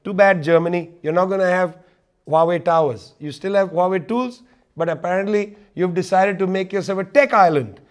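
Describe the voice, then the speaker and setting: Male interview guest with a high voice, emphatic and sarcastic in political discussion. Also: normal speed. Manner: emphatic, repeats key points; wry, sarcastic asides.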